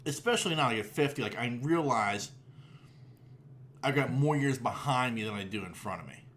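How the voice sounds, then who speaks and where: A man's voice: mid-range voice, expressive, moderate pace, a bit bright, slight background noise. A man in his forties hosting a podcast, chatting casually, rambling with lots of fillers, restarts and swearing. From Pittsburgh area. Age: 40s. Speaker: podcast host. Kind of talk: casual chat.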